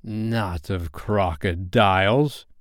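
A man voicing a brooding, vengeful, petulant pirate captain for a storybook, with slow, dark, menacing delivery. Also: on the low side, smooth, no room sound, studio quality, lightly acted. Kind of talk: storybook character voice.

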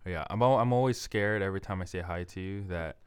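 Low-voiced joking podcast host man. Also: clear, resonant tone, no echo. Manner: friendly, joking, quick laugh. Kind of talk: casual interview chat.

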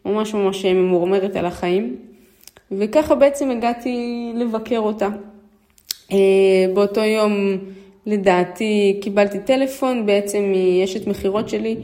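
This woman's voice is mellow and medium in pitch, carrying an Israeli accent as she recounts personal stories for her vlog. She addresses listeners informally and hesitantly, repeating phrases to drive them home.

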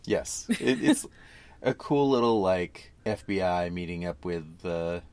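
A man's voice: deep voice, lively intonation, slow, darkish tone, clean tone, dry recording. A man co-hosting a podcast in casual chat about a film, explaining things at length with wry asides. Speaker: podcast co-host.

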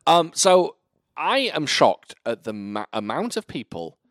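A man hosting a casual film review chat, animated and profane, joking as he runs the talk. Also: mid-range voice, a little slow, dry recording, studio quality. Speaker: podcast host reviewing a film.

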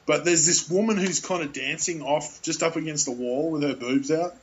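A man's voice: a little high, normal speed, a little hiss or hum. Rambling man, dull lo-fi sound. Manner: rambling, many fillers and restarts, laughs often. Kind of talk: casual chat about films.

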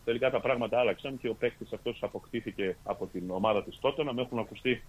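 A man hosting a sports podcast, reading league standings and chatting in a steady, methodical way with fillers and self-corrections. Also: mid-range voice, husky, low-quality recording. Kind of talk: reading sports results and casual chat. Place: lives in Australia.

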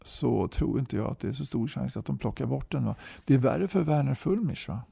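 Man in his 60s, heavy fry, dark tone, chatty guest who peppers lines with "va?"; dry sound. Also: mid-range voice, lively intonation, no echo. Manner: talkative, tags sentences with "va?". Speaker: guest, musician and movement leader. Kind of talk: casual conversational interview.

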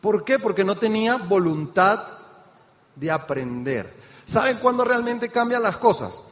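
A man giving an energetic motivational business seminar talk, speaking straight to the audience with rhetorical questions. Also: high-pitched, unhurried. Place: event hall with an audience. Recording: reverberant hall sound.

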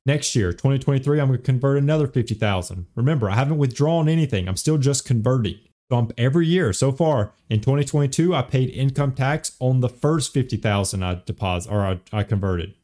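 A young man with a warm, mid-range voice hosts a finance podcast, talking expressively and fairly quickly with few pauses. He lays out retirement accounts step by step, going back over key points and asking "okay?" and "right?".

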